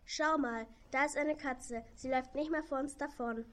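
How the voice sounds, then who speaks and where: A weary old male donkey from a children's audio play, played by a woman. He speaks earnestly and plainly, in a fairly high voice. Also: fairly even intonation, moderate pace, slight background noise, close to an everyday voice. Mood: friendly. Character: old worn-out male donkey, gentle and hopeful.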